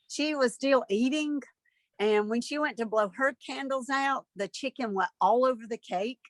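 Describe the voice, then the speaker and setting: Over a video call, a woman in her 50s from Alabama tells stories as a guest in a casual interview, and she's the host's mother. Her voice is high and she speaks a little slowly.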